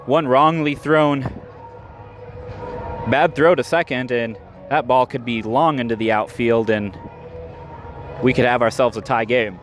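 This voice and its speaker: With soft music in the background and the stadium crowd around him, an American man gives live radio baseball commentary at an outdoor minor league park. His voice is mid-range and steady, unhurried and often pausing.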